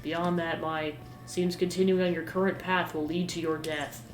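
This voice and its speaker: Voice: medium pitch, little pitch movement, normal speed, natural voice. A game player voicing a mysterious young woman fortune teller with formal, ominous soothsaying patter. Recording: roomy echo with game music behind.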